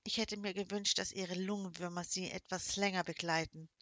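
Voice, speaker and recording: A cool, sharp-tongued young forensic assistant , as a woman reader plays her, answering curtly with a sarcastic edge. Her voice is a little low, bright and forceful, close and dry. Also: fairly even intonation, normal speed, no room sound.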